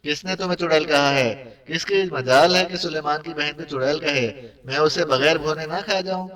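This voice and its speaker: A man's voice: on the high side, fairly bright tone, natural voice. A man voicing a bossy, protective male servant who blusters and scolds, in an audiobook read from a distance. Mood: indignant.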